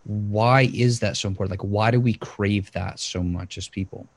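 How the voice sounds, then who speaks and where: A man hosting a podcast interview, asking measured, thoughtful questions. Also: on the low side, steady tone, no room sound. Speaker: podcast host.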